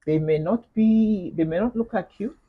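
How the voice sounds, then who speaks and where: Thoughtful Kenyan woman with a husky voice. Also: medium pitch, phone-quality sound. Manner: measured, thoughtful, with frequent fillers and repeated words. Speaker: interview guest, UN official. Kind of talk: reflective interview conversation.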